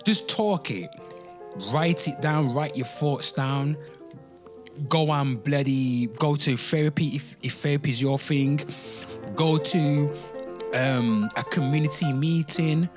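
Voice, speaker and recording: A man with a fairly high voice speaks slowly over music while hosting an online show. He blends casual, rambling, slangy commentary with dramatic reading aloud, repeating phrases for emphasis, swearing often and addressing listeners as people.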